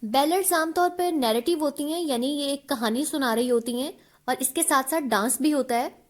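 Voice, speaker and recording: A woman gives a literature lecture in a high, clear voice. She reads each definition slowly and deliberately, then switches to an easy, conversational explanation in Hindi. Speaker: English literature teacher. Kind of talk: online lecture mixing Hindi and English.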